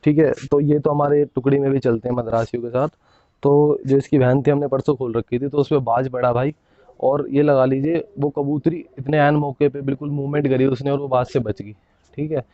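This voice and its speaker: A man's voice: mid-range voice, fairly even intonation, fairly quick, no echo, muffled recording. Chatty man showing off his pigeons. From India. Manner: chatty, keeps saying "bhai" and "theek hai". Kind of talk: casual hands-on show-and-tell.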